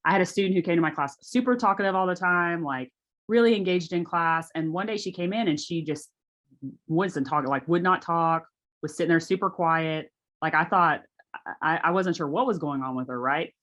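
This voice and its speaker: A woman talks casually to a small group over a video call, full of asides and "like"s. Her voice sits a little low for a woman, and she sounds friendly and unhurried as she leads the session. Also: fairly bright tone. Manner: chatty, conversational, lots of "like". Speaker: faculty workshop presenter.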